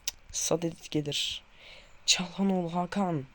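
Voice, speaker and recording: A man's voice: high-pitched, normal speed. A young man playing a football video game, nervously calling out player names to his viewers, saying his hands are trembling, then erupting when a goal comes. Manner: tense and excited, calling player names, bursting into goal shouts. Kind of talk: live gameplay commentary to viewers.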